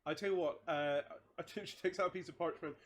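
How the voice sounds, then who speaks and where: Male tabletop player, fairly high voice, casual and searching for words, faint noise behind. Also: fairly even intonation, fast. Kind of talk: casual game-table chat.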